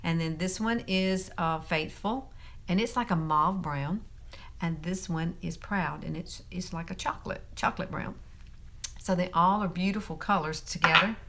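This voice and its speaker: A woman's voice: on the low side, a bit bright, slight background noise. A woman in her fifties giving a chatty live makeup tutorial, laughing often and talking straight to her viewers. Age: 50s. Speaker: beauty vlogger.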